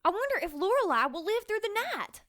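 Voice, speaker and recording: Very high-pitched, very animated and a bit bright, a woman talks fast in a heavily acted audio drama role. She plays a frightened, suspicious young woman from a small town, nervous and accusatory as she confronts someone.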